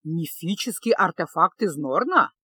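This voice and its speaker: A stern, menacing king, read by a woman for an audiobook. His lines are slow and dropped low. The voice is close and dry. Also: expressive, bright, forceful tone, husky, no echo, full character voice. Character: stern angry middle-aged king.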